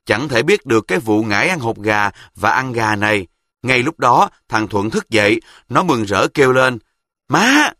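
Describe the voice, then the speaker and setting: A man with a Southern Vietnamese accent narrating a story in a plain, lively way. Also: medium pitch, moderate pace, dry recording, clean studio sound.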